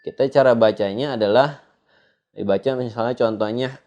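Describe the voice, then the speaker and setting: A man from Indonesia teaching a tajwid lesson in a studio, unhurried and pausing on fillers as he explains. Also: medium pitch, darkish tone, muffled recording. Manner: unhurried, hesitant with "eh" fillers, sings out drawn-out recited examples. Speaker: Quran recitation teacher. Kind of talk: slow tajwid lesson with recited examples.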